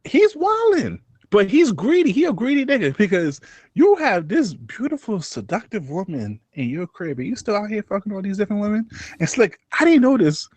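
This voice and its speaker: A man co-hosting a casual podcast, talking in animated bursts that swing between loud outbursts and low mumbles. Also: fairly quick, no echo. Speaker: podcast co-host.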